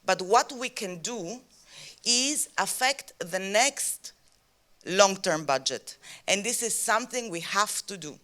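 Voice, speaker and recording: A woman speaking on a panel in a conference hall, candid and deliberate. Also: mid-range voice, expressive, sharp tone. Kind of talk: panel talk.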